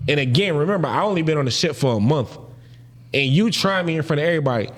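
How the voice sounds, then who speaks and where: A man in his thirties from New Jersey telling a story in a casual interview, slangy and animated, acting out the people he quotes. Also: on the high side, fast, slight background noise. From Paterson, New Jersey. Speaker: guest.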